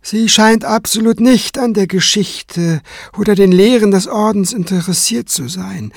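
A man voicing a calm male cleric with dry, ironic wit in an audiobook. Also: high voice, measured pace, creaky, dry recording, voice pushed up, heavily acted.

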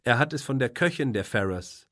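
A man's voice: mid-range voice, lively intonation, a little fast, fairly bright tone, voice pushed up, lightly acted. A man voicing a nosy, humorless woman who gossips and questions her brother insistently. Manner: insistent, know-it-all questioning.

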